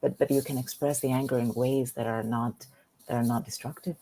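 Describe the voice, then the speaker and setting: A woman's voice: very deep voice, steady tone, brisk, dark tone, low-quality recording. A woman from Greece, a guest on a business podcast, speaking earnestly and often repeating words as she starts a thought. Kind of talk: podcast interview.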